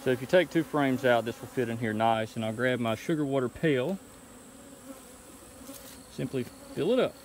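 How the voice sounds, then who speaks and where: A man in his thirties walks the listener through a beekeeping chore in a relaxed, step-by-step way. He records outdoors in a bee yard on a handheld phone. Insects hum clearly all around him. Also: mid-range voice, moderate pace, pauses often, low-quality recording. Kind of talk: casual how-to vlog. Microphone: phone camera held while working. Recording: outdoor noise with buzzing bees. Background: insects buzzing outdoors.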